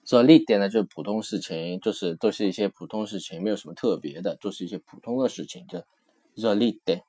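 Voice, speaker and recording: Male language teacher, low-pitched, patient and repetitive, lecture-style textbook explanation. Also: brisk, mellow, husky. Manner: patient, repeats phrases several times while explaining; mixes in English comparisons. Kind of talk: recorded textbook lesson explanation.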